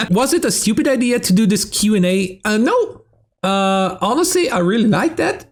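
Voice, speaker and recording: A young streamer from South Tyrol, Italy, speaks with a German accent in a high, animated voice at normal speed. He answers fan questions casually in a Q&A vlog, swearing and laughing between answers.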